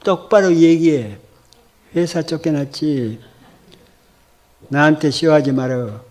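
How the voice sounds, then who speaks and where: A man voicing a worn-out, ill young wife who talks in a blunt, rough way while telling a story in a sermon. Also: a little high, slow pace, darkish tone. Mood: confronting.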